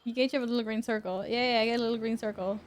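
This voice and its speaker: A woman's voice: on the high side, fairly even intonation, racing, soft background music. A woman doing casual, playful live gaming commentary with little sing-song asides. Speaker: game streamer.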